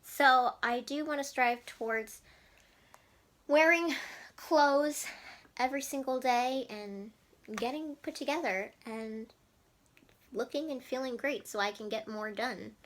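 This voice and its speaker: A woman's voice: high-pitched, slow, pauses often, a bit bright. A woman in her twenties chatting casually to camera as a vlogger, rambling with many fillers and restarts. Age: 20s.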